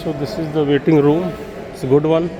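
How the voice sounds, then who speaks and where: The crowded station and passing vehicles are loud behind this Indian-accented man as he walks and vlogs. His voice is fairly high with little pitch movement, a little fast, and his informal explanations are repetitive and hesitant.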